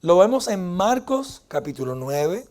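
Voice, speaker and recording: A male pastor preaches in a fairly high voice to his congregation. He keeps the sermon light and joking and slips easily into English phrases. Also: big pitch swings, a little slow, a little mellow. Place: church before a congregation.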